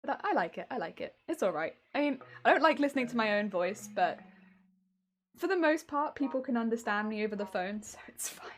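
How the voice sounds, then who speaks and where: A woman's voice: fairly high pitch, expressive, a little fast. A young woman with a Hampshire English accent chatting casually on a stream, telling a story and often breaking into laughter. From England. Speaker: cosplay streamer.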